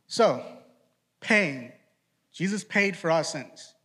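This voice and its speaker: Preaching a relaxed, conversational youth sermon, this young Trinidadian ministry director has a slightly high, husky voice that's expressive and sharp in tone. His accent is Trinidadian touched by Boston, and he tosses in rhetorical questions and fast asides.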